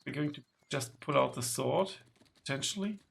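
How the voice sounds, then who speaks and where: Gravelly, husky man thinking aloud. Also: a little high, a bit bright. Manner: halting, thinking aloud, short remarks. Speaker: gamer playing through a game. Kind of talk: casual let's-play commentary.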